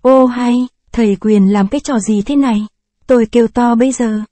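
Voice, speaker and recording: A woman's voice: fairly high pitch, steady tone, normal speed, warm tone, no echo, natural voice. A woman reading the lines of a young village woman selling food in a storybook tale, polite and deferential. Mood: alarmed. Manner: deferential, then alarmed.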